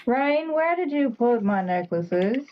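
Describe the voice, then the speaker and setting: A bossy mother calls out loudly and slowly from across the house, hunting for her things, as a woman puts her on in a tabletop game. Her voice sits a little high. The recording is slightly muffled, with a faint hiss. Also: lively intonation. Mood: scolding. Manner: loud, calling from a distance.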